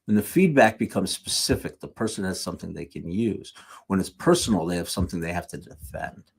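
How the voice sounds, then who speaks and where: Male speaker, husky and low-pitched, conversational sermon, off-the-cuff with quick self-corrections. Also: lively intonation. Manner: off-the-cuff, corrects himself mid-sentence. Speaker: speaker at a live church series. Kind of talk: conversational sermon with jokey asides.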